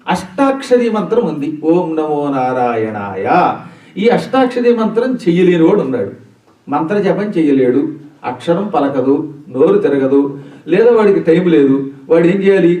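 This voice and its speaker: A man's voice: high-pitched, animated, fairly quick, mellow, roomy sound, recorded from a distance. An older man with a Telugu accent giving a scripture discourse, teaching in a questioning, demonstrating way. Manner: teacherly, demonstrates sounds, asks and answers his own questions. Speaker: religious discourse speaker.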